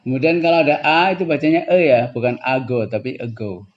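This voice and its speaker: A man's voice: a little high, dull audio. A man teaching English pronunciation to a class, explaining patiently and chuckling now and then. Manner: explains slowly, often drifting into chuckles, switching between two languages. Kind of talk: classroom lesson.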